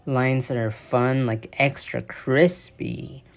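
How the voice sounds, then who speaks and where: Taking it slowly, a man with a mid-range, fairly even voice and vocal fry explains new game update features over gameplay footage. As a gaming news video creator, he keeps it loose and casual, full of fillers and restarts.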